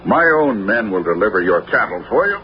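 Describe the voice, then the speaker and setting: An actor playing a bold, cunning outlaw in a radio adventure, with a teasing, mock-courteous manner. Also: male voice, fairly low pitch, sing-song, a little fast. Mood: sly, ingratiating. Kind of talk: theatrical radio adventure acting. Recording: dull, lo-fi radio recording with faint noise.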